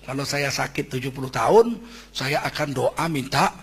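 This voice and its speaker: A male preacher voicing a patient, gravely ill old prophet who speaks calmly and pleads in prayer. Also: mid-range voice, moderate pace, pitched below the performer's own voice. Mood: resigned.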